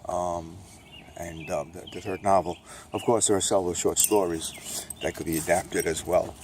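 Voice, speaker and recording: An older man from Brooklyn rambling casually on a morning dog walk, pitching his own books with self-mocking salesman patter and a repeated catchphrase. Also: fairly even intonation, normal speed, a little mellow, slight background noise. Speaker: self-published author promoting his books. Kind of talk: casual rambling vlog while walking a dog.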